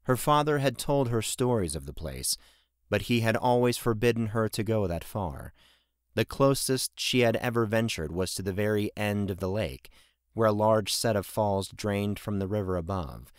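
A man narrating a fantasy audiobook in a measured, even way. His voice sits low. The recording is close and dry. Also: clean tone, no echo. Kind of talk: scripted narration.

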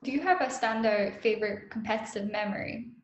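A woman's voice: a little high, brisk, dull audio. Woman interviewer in an echoey room. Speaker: interviewer, host. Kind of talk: interview questions. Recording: echoey room with faint noise.

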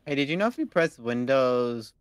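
A man with a mid-pitched, ordinary voice jokes around in a gaming voice chat, full of mock-boastful gags. He speaks casually and loosely. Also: big pitch swings, moderate pace, clean tone, no echo. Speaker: guest streamer in a voice chat.

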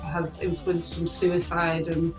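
Speaking slowly in a lowish, level voice, a guitarist from England is interviewed casually on a video call. She's chatty, leans on many fillers, and lifts her pitch as she opens each thought, in an echoey room where faint music plays.

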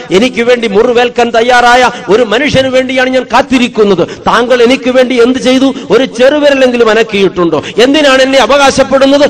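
A man's voice: very high voice, a bit bright, pitched above the performer's own voice. A male preacher voicing a young maiden who reproaches a king with rising, intense accusations in a told sermon story.

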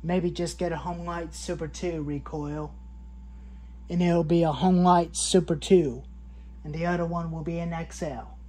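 A woman in her twenties, a chainsaw hobbyist vlogger, rambles through a show-and-tell in her cluttered garage workshop, listing saw parts and repeating herself. Her voice is fairly low and warm, with a steady tone at a normal speed.

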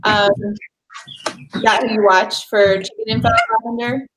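A woman's voice: fairly high pitch, steady tone, moderate pace, a little hiss or hum, poor audio. A woman in her twenties chatting casually on a home livestream over a webcam, bubbly and full of fillers. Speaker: livestream host. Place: living room at home, indoors. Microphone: webcam at desk distance.

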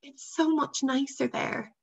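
Woman reading an unhappy young boy, pleading and insistent, higher voice, dull lo-fi sound. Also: slow, gravelly, exaggerated voice. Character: unhappy nine-year-old boy, honest and stubborn. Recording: dull lo-fi recording.

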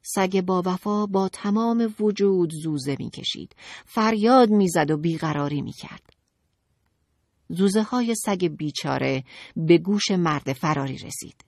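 A woman narrating a children's audiobook in an expressive, dramatic storytelling manner. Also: lowish voice, no room sound, studio quality.

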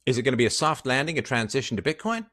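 A man in his fifties rants alone into a headset mic, furious and sarcastic, swearing freely. His pitch swings widely, from low grumbling mutters to sharp loud bursts. He sounds close and plain, recorded in a small room. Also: sing-song, very fast. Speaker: podcast host. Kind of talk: impassioned solo rant to camera.

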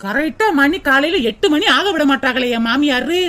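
A woman's voice: high voice, animated, a bit bright. Woman voicing a mocking young daughter-in-law. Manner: fast mocking chatter. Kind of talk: cartoon voice acting.

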